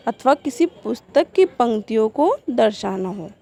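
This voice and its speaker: A woman teaching a grammar lesson to students, explaining rules slowly and reading out example sentences. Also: fairly high pitch, very animated, creaky, mellow.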